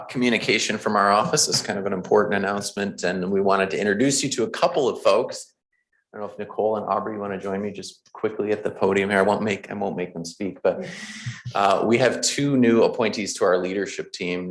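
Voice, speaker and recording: A man's voice: deep voice, gravelly, poor audio. A man with a Midwestern accent, a county official, introducing colleagues at a board meeting in a friendly, casual way with many fillers. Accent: Midwestern American. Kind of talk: presenting at a public meeting.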